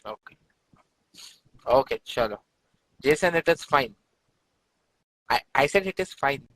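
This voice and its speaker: A man's voice: medium pitch, animated, unhurried, a bit bright, no echo, low-quality recording. A man with an Indian accent teaching an interactive class, encouraging students with short, repeated prompts and praise. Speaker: chemistry teacher.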